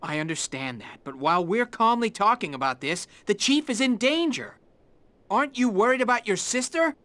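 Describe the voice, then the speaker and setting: A man's voice: sits high, animated, normal speed, a bit bright, dry recording. An actor playing an earnest, anxious young man, hesitant and pleading, in a dramatic game cutscene. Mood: worried. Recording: close dry voice, faint music.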